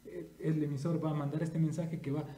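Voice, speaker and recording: An Ecuadorian man talks through media theory on a podcast, animated and full of asides. His voice sits a little high, yet it sounds very dark and mellow. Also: fairly quick, breathy edge. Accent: Ecuadorian Spanish. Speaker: podcast co-host. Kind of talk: casual discussion. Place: studio.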